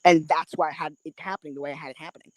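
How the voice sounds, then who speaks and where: A man's voice: a little high, fairly even intonation, very fast, no room sound. A man co-hosting a sports podcast in casual debate, persistent and pushing his point.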